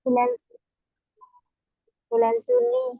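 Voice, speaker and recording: A woman's voice: very high-pitched, monotone, slow pace, gravelly, no room sound, lo-fi sound. A woman in her twenties, a student answering politely on a video call whose audio keeps breaking up. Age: 20s. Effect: choppy, breaking-up internet call audio. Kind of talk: online class chat.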